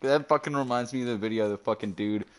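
A man's voice: medium pitch, fast talker. A man streaming a game, chatting casually with a friend, joking crude and laughing often. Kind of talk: casual gaming chat.

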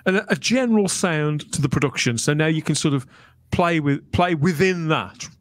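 Recorded indoors in a small home room, this middle-aged podcast host talks into a desk mic right by his mouth, keeping a conversational interview style. He sounds fairly high-pitched at a moderate pace, with no echo at all.

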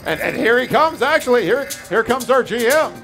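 A man calls a wrestling match, talking quickly and excitedly in a fairly high voice. Clear music plays behind his commentary. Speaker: play-by-play commentator.

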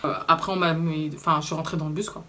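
A woman's voice: low voice, quick pace. Indignant young Belgian woman telling a story. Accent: Belgian French. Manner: indignant, animated retelling with slangy fillers. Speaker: vlogger. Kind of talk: casual storytime chat to camera.

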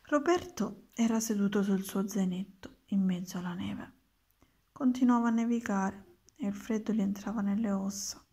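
A woman reading a children's storybook aloud in a calm, even narration. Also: medium pitch, moderate pace, breathy edge. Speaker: reader.

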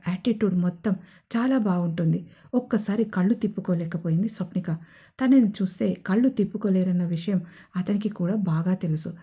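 A woman reads a romantic audio story aloud in a steady, flowing narration. Her voice is mellow and darkish with a light husky grain. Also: lowish voice. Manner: smooth storytelling. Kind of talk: scripted narration.

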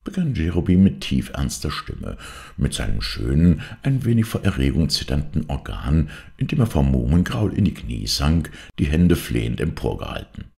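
Male reader, very deep voice, gravelly, animated expressive narration. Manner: expressive storytelling, dramatic pauses. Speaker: story reader. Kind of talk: scripted narration.

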